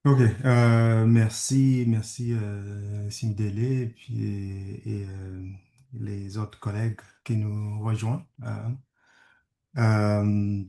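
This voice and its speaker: Speaking with a French accent, this Kenyan-born man, a native English speaker, appears as a guest speaker and conflict studies professor in a hesitant webinar talk. His voice is lowish, gravelly and mellow with a level tone, and his speech stalls with frequent fillers and restarts. The audio comes through a video call in a room with noticeable echo.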